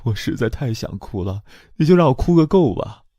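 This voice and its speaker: A man's voice: lively intonation, fairly quick, mellow, slightly rough, no echo, studio quality. A man voicing an anxious grown woman who begs her family for love, pleading and tearful. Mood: needy. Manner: pleading, tearful, high-pitched.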